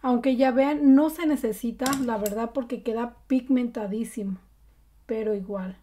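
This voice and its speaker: A beauty vlogger guides her viewers through a makeup tutorial in a relaxed, chatty way, often using fillers between steps. Her slightly high voice is warm and mellow at a moderate pace, with a little background noise.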